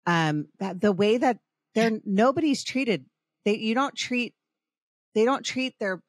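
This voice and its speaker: A woman's voice: on the high side, unhurried, no room sound. A middle-aged woman hosting a podcast in casual chat, rambling and passionate, often restarting her sentences. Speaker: podcast host.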